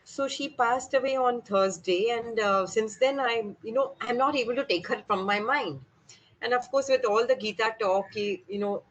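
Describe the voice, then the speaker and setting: A woman's voice: on the high side, highs cut off. A middle-aged woman, sharing informally in a group session and slipping between English and Hindi.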